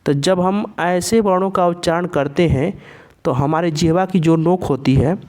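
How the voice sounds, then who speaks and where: In a grammar-style lesson on Sanskrit pronunciation, a man carefully says each letter aloud, repeating each sound slowly and deliberately so learners can follow. His voice sits high and is a little mellow.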